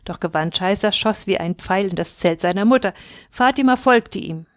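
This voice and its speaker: A woman storyteller telling a tale to children at bedtime, gentle and measured. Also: mid-range voice, no room sound, studio quality.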